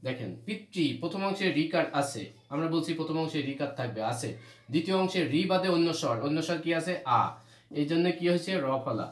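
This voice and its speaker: A man from Bangladesh, speaking quickly in a slightly high, expressive voice, teaches a grammar lesson. He repeats the rules and poses questions that he then answers himself. The recording has a roomy echo.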